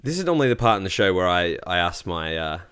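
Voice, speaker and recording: A man's voice: low-pitched, very animated, fast talker, a bit bright, smooth, no echo. An Australian man hosting a podcast, chatting casually as he interviews a guest. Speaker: podcast host.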